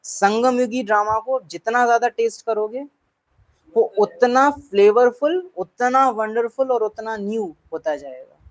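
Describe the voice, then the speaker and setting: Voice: mid-range voice, a little slow, poor audio. A spiritual teacher giving a class talk in an earnest way, repeating points for emphasis and putting questions to the listeners.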